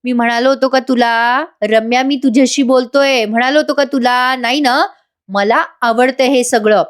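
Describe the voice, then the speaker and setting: A woman's voice: on the high side, fairly even intonation, normal speed, natural voice. A woman voicing a young man from a TV serial who angrily scolds his family, in a stern, reproachful way. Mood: scolding.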